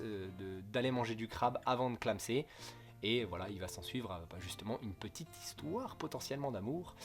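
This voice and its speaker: A young man from France chatting casually in a manga wishlist video, rambling, joking and correcting himself, with crude slang, over faint music. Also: medium pitch. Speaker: manga youtuber.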